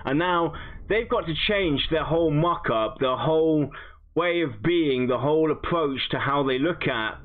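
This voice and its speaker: Chatty male podcast host, slightly dull audio. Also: mid-range voice. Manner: bantering, mock-indignant when interrupted. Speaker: debate show host. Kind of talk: casual podcast chat.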